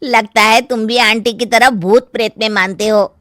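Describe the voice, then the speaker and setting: A woman's voice: fairly high pitch, fairly even intonation, normal speed, a bit bright, no echo, clean studio sound, close to an everyday voice. A woman voicing an easygoing young man in a cartoon, teasing and laughing things off. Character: young adult man, easygoing guest brother. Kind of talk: cartoon dubbing.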